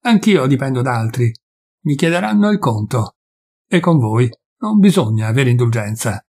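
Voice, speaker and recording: Man reading as a gruff stern forest warden. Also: medium pitch, sing-song, moderate pace, a little mellow. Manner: curt, gruff.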